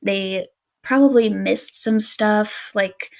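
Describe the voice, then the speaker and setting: Slow, gravelly-voiced woman podcaster. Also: mid-range voice. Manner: relaxed, laughs often, easygoing with fillers. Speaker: podcast co-host. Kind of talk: casual storytelling chat.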